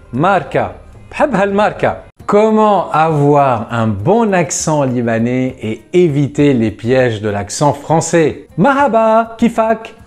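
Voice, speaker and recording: A man teaching a language lesson to viewers, explaining patiently and slowing down to spell out words, with a lively, enthusiastic delivery. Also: mid-range voice. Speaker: Lebanese Arabic teacher.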